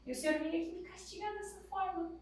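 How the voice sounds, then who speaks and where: A woman's voice: very high voice, steady tone, quick pace, a little mellow, slight background noise. A Brazilian mother telling how her family lived through a hard time, in an emotional, pleading way. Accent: Brazilian Portuguese. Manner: tearful, pleading retelling. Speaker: guest, mother. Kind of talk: emotional testimony. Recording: echoey room, mic at a distance.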